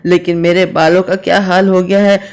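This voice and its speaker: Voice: mid-range voice, level tone, normal speed, pitched above the performer's own voice, lightly acted. A narrator doing a vain, grumbling old grandfather. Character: proud, vain elderly father-in-law.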